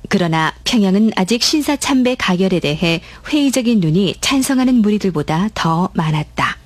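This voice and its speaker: Husky female radio drama narrator. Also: medium pitch, animated, moderate pace, dry recording.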